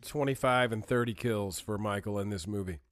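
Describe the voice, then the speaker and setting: A man's voice: on the low side, moderate pace, a bit bright, no echo, studio quality. Enthusiastic man chatting casually. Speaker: podcast co-host. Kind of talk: casual chat.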